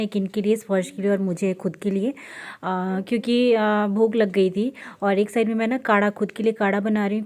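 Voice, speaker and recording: Hoarse mom from india vlogging her day at home, chatty, lots of ums, walks you thru stuff. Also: mid-range voice, a little mellow. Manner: chatty, homely, explains step by step with many fillers. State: hoarse, sore throat. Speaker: vlogger and mother. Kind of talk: casual home vlog chat. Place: home, kitchen.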